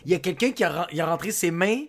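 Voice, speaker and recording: A man's voice: high-pitched, a bit bright, slight background noise. A man co-hosting a podcast, joking and teasing his partner. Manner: joking, teasing, quick backchannels. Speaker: podcast co-host. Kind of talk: casual chat.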